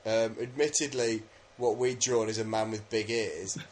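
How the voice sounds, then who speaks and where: A man's voice: on the low side, fairly even intonation, normal speed. A man from England co-hosting a podcast in casual, rambling, jokey chat. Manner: jokey, rambling, with many fillers. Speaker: podcast co-host.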